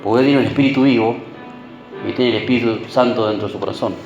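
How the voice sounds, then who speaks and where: A man's voice: mid-range voice, fast, reverberant, lo-fi sound, over music. A man preaching a sermon. He keeps checking in with the congregation through short tag questions and repeats words for emphasis.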